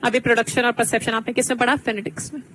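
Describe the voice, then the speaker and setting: A woman teacher giving an online exam-prep lesson, explaining slowly, switching between two languages and quizzing her students. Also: a little high, little pitch movement, a bit bright, a little hiss or hum, rough recording.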